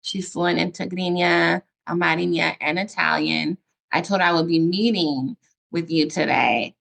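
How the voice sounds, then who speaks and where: A woman's voice: fairly low pitch, steady tone, measured pace, gravelly, fairly bright tone. A woman from the Bay Area hosting a casual video-call interview, effusive and enthusiastic, with frequent fillers. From San Francisco Bay Area. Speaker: interview host.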